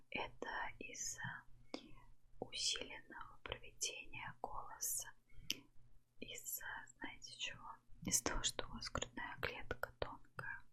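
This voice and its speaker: Casting: woman as attentive female doctor for ASMR whispered role-play; bright, breathy whisper, unhurried instructions to a patient. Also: very high voice, exaggerated voice, low-quality recording. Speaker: ASMR performer playing a doctor.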